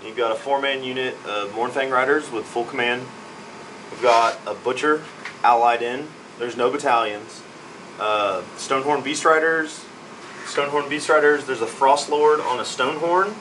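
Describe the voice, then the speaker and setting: A man's voice: mid-range voice, normal speed, noisy background. A man casually listing the units in his tabletop army, informal and correcting himself as he goes. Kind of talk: casual list rundown.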